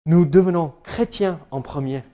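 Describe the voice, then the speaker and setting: A man's voice: a little high, normal speed, dark tone. A male pastor preaching a sermon in French with an English-speaking accent, joking and chatting with the congregation between hesitations. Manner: jokey, chats with the congregation, frequent hesitations. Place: church service.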